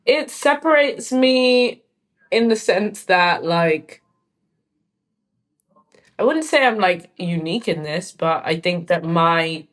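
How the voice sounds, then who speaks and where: This casual interview features a London-born artist and filmmaker appearing as a guest. She has a low voice and a thoughtful manner, often filling pauses with "like" and "um."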